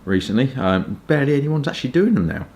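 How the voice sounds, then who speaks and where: A man from Kent with a southern English accent, chatting informally and hesitantly in a rambling casual review, with stop-start pauses. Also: mid-range voice, big pitch swings, darkish tone, a little hiss or hum. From Kent, England. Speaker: pipe tobacco reviewer.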